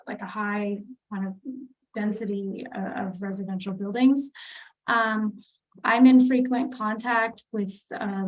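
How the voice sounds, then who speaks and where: A city transportation planner, a woman with a fairly high voice, presents a street plan at a public community meeting, speaking with lots of fillers and restarts. The audio quality is poor.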